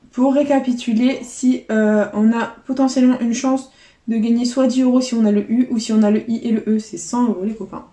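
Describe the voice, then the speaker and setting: Woman vlogger, casual running commentary, mellow tone, echoey room. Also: medium pitch. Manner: chatty, counts out letters and numbers. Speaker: vlogger scratching lottery tickets. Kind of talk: casual commentary while scratching tickets.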